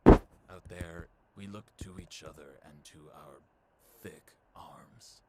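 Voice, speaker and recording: A man playing a rambling, goofy young musician in a game trailer, deadpan and earnest. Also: very deep voice, slow pace, heavy background noise.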